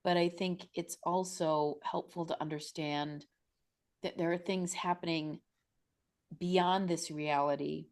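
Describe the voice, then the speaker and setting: A woman hosts a podcast in a lowish voice. She speaks effusively and fires several questions at her guest one after another. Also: fairly even intonation, takes it slowly, a little mellow. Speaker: podcast host. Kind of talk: casual interview conversation.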